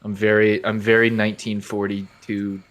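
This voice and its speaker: Young texas dude, low voice, blunt, swears a lot, chatty. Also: male voice, normal speed. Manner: blunt, swears freely, animated when worked up. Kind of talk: casual chat.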